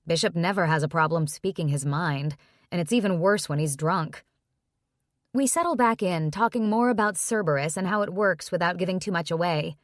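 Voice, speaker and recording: A woman narrates a first-person romance audiobook at a measured, steady pace. Her voice sits on the low side, and the sound is dry and close to the mic. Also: dry recording.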